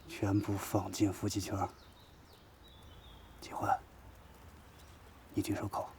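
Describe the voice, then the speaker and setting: A man's voice: lowish voice, monotone, slow pace, background noise. An actor playing a stern special-forces commander in a TV drama, terse and restrained as he gives orders. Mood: controlled, commanding. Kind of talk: military TV drama dialogue.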